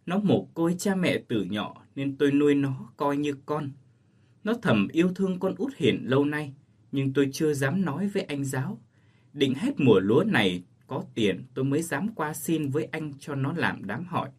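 A man's voice: a little high, very animated, normal speed, darkish tone, slightly rough. A man voicing a grieving, blunt middle-aged village aunt in a read ghost story, in a plain storytelling way. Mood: distressed. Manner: plain storytelling delivery of quoted speech.

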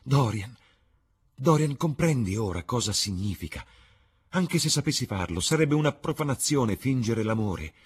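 A man's voice: medium pitch, lively intonation, normal speed, breathy edge, voice pushed up. Man voicing a rapturous young actress in love. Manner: breathless, pleading, exalted.

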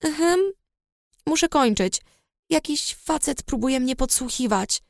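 A woman's voice: high voice, lively intonation, moderate pace, creaky, no room sound, clean studio sound, voice pushed up. A woman reading the part of a hurt, bitter teenage girl who answers coldly and curtly. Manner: curt, bitter, trembling. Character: upset teenage girl friend, cold and hurt.

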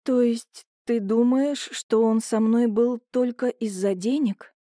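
A woman voicing a shrill, tearful young woman. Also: steady tone, slow pace, warm tone, no room sound, clean studio sound. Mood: upset. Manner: shrill, pleading, agitated. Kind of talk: audiobook character voicing.

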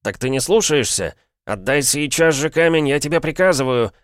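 A man's voice: a little high, animated, normal speed, smooth, no room sound, studio quality, pitched above the performer's own voice, close to an everyday voice. A man voicing a pompous, agitated father stuck in a boy's body, in an audiobook. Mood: furious. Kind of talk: audiobook character reading.

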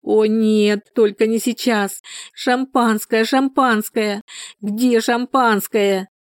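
A woman voicing an excitable pregnant young woman in labor, crying out in a shrill, panicky way. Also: normal speed, no echo, studio quality, natural voice. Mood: panicked.

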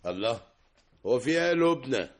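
An actor playing a cheeky, meddling Egyptian barber in a radio drama, with a flirtatious way of talking. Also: male voice, mid-range voice, animated, fairly quick, a little hiss or hum, close to an everyday voice. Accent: Egyptian Arabic.

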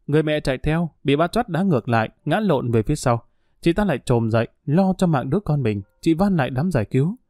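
A man narrating a crime audiobook in a steady, dramatic way. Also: a little high, fast, no echo, studio quality.

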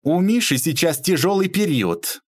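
A man's voice: fairly high pitch, sing-song, normal speed, dry recording, clean studio sound, pitched above the performer's own voice. A man voicing an imposing, theatrical middle-aged woman who shrieks and accuses. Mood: pleading.

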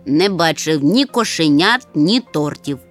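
A woman's voice: fairly low pitch, lively intonation, soft background music, natural voice. A woman doing a grumbling old muskrat. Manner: grumbling, slow and huffy. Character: grumpy old male muskrat, gruff and self-absorbed.

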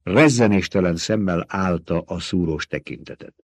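A man's voice: low-pitched, slightly rough, no room sound. Man narrating an audiobook, dry close sound. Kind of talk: scripted narration.

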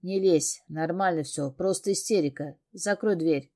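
A woman's voice: on the low side, measured pace, dark tone, lightly acted. A woman voicing a domineering, angry man in an audiobook, barking orders and cursing. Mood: harsh commanding.

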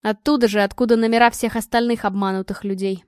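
A woman reading the part of a calm, sardonic young man who lectures his friend. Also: medium pitch, smooth, no room sound, close to an everyday voice. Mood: lecturing. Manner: unhurried and dry.

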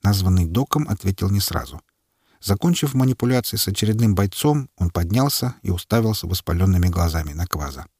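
A man narrating a first-person action story in a steady storytelling manner. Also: sits low, a little fast, husky, no echo, clean studio sound. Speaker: audiobook narrator.

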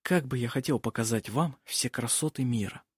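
A man voicing a smitten young man who talks softly and quietly. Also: medium pitch, normal speed, husky, no room sound, clean studio sound, natural voice.

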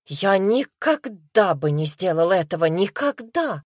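A woman's voice: on the low side, sing-song, unhurried, a little mellow, husky, no room sound, studio quality, full character voice. A woman reading an audiobook, voicing a frightened young man under suspicion who speaks in a broken, pleading way. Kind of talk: audiobook character voice.

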